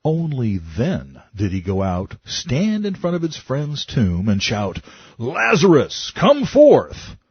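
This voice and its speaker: A man's voice: fairly low pitch, big pitch swings, slow, few pauses, breathy edge, dry recording, dull audio. A man narrating a nonfiction book in a wry, conversational way, asking rhetorical questions. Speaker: audiobook narrator.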